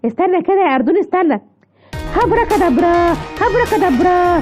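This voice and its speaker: A woman's voice: very high voice, big pitch swings, fast talker, darkish tone, soft background music. A woman with an Egyptian accent voicing a playful, whiny little lion cub boy in a children's story. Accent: Egyptian Arabic.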